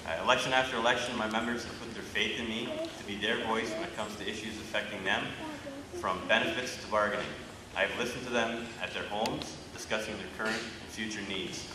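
A man's voice: lowish voice, fairly even intonation, a little fast, a loud crowd. A Canadian man giving an earnest prepared campaign speech, with frequent "uh" fillers. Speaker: election candidate. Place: large school gym or hall. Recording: echoey hall, far mic, noise.

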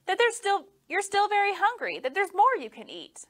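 A woman's voice: extremely high pitch, wildly swooping pitch, normal speed, fairly bright tone, voice pushed up, exaggerated voice. A woman reading aloud, voicing a small eager boy swallowed by a snake in a sing-song, coaxing way.

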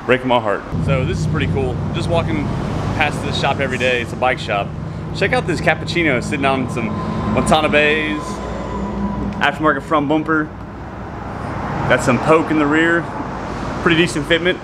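A man in his thirties, a car vlogger, talks casually and enthusiastically to his viewers outdoors beside roadside car lots and shops. His voice is fairly high, at normal speed with long pauses, captured by a handheld camera mic with street noise.

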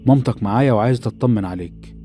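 A man voicing a stern middle-aged father in an Egyptian accent, firm and low-key. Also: very fast, warm tone, soft background music, close to an everyday voice. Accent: Egyptian Arabic.

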